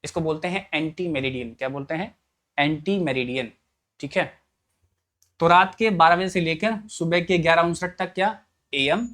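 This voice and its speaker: A man's voice: a little high, a bit bright. A man teaching an English class, quizzing students with repeated questions and joking in a colloquial way.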